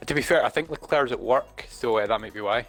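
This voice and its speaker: A man's voice: medium pitch, fast talker, faint music behind. A Scottish man co-hosting a casual chat, telling stories and laughing often. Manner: laughs often, animated storytelling. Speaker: co-host.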